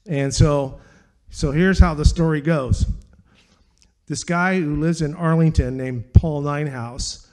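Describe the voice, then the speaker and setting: An older man spins a rambling, chatty story, his voice mellow and set a little high for a man. He tosses in dude and man and talks in a relaxed, easygoing flow. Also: slow pace. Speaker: flutist. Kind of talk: casual storytelling.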